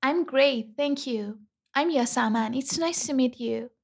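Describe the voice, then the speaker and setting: A woman from Iran, hosting an English lesson and saying model phrases slowly and carefully for learners to repeat. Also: high-pitched, gravelly. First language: Persian. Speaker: English teacher and host. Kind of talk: scripted language lesson.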